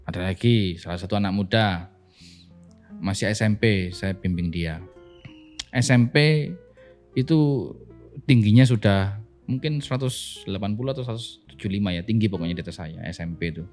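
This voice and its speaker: Male pastor, low voice, animated podcast storyteller who acts out quotes. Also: normal speed, long pauses, faint music behind.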